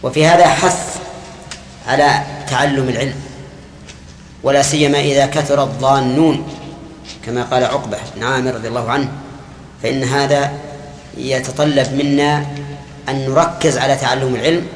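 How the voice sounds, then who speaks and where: Older sheikh, lesson style, term-by-term explainer, echoey long-reverb hall. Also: male voice, medium pitch, fairly even intonation, normal speed, long pauses. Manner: explains term by term, quizzes students, Gulf colloquial asides. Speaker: sheikh teaching hadith commentary. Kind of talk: classical lesson explaining a hadith. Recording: echoey hall, faint room hiss.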